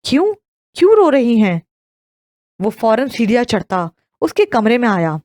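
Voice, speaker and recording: Woman plays a cheerful young man in an audio novel, teasing and anxious, a bit high, dry read. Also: very animated, a little mellow, no echo. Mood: worried. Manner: teasing, then anxious questioning.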